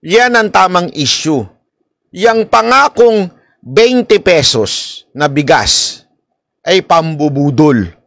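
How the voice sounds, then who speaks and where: A man's voice: a little high, very animated, slow pace, creaky, long pauses, a bit bright, no room sound, clean studio sound. A man from the Philippines giving casual, chatty political commentary, laughing often and talking straight to his viewers.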